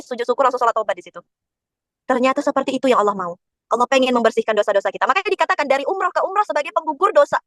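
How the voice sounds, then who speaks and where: Fast high-voiced woman preaching. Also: fairly bright tone, no room sound. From Indonesia. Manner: emotional, addresses listeners directly and often. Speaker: religious teacher. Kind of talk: webinar sermon with storytelling.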